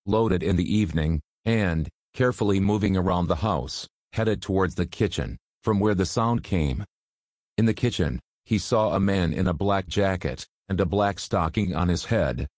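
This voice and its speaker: A man narrating a story in an even, steady reading manner. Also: low-pitched, no room sound, studio quality.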